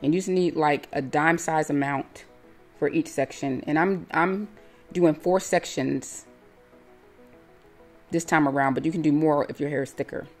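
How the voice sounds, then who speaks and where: Low-voiced woman calmly narrating a hair tutorial. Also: measured pace, long pauses, soft background music. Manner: calm, step-by-step instructive. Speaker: hair stylist.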